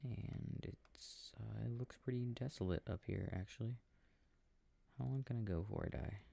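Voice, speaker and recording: In an intimate sleep-aid roleplay, a man plays an affectionate boyfriend who startles easily, softly rambling to himself about his game and often slipping into whispers. He sounds absorbed and muttering, with a lowish voice, vocal fry, and a normal pace.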